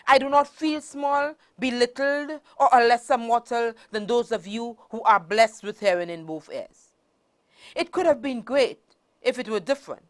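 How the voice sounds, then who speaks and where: A woman with a high voice delivers a prepared motivational speech. She speaks in formal, emphatic phrases, deliberately placed. Her R's are not fully formed and sound close to W's. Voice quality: cannot pronounce R's properly, says w-like sound for r.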